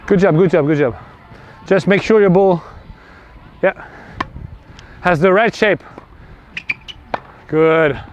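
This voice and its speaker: Tennis coach calling praise on court. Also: male voice, sits high, slow pace, pauses often. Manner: encouraging, short bursts of praise. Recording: dull lo-fi sound, faint outdoor noise.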